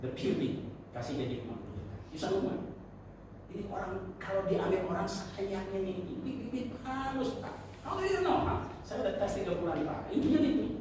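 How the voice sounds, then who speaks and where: A man's voice: sits high, sing-song, a little fast, far from the mic, background noise. A man preaching a sermon, mixing English phrases into his talk and acting out the voices of people he quotes. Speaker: pastor. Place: church hall. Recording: echoey church hall, mic heard from afar.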